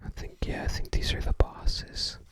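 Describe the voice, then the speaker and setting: At a moderate pace, an ASMR host thinks aloud in short, offhand fragments, whispering breathily and unvoiced while browsing a book.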